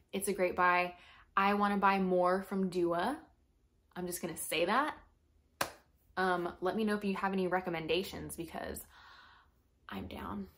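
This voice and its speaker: A young American woman with braces slightly affecting her articulation, chatting informally and expressively to camera in a product review. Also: mid-range voice. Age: young adult. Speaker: perfume reviewer. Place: small furnished room at home, indoors.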